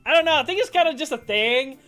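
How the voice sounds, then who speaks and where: A young man streaming a visual novel, reading the narration aloud with animated joking asides. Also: very high voice, fast, soft background music.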